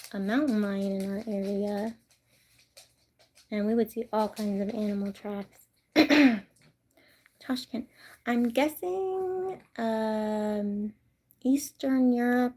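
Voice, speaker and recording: Young woman chatting on her stream, slow and soft, lots of vocal fry, half whispering sometimes. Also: mid-range voice. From California, US. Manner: soft-spoken, slips into whispers. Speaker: livestream host. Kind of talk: casual livestream chat with viewers.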